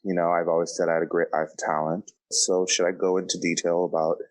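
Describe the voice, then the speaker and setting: A deep-voiced man talks fast with little pitch movement while co-hosting a podcast. The conversation is casual, opinionated pop culture chat, full of slang and blunt, sassy takes.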